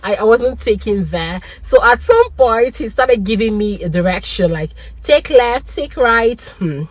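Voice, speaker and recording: A woman, vlogging a lively personal story in an excitable, animated way and laughing often. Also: mid-range voice, moderate pace, dry recording. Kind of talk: casual storytelling vlog.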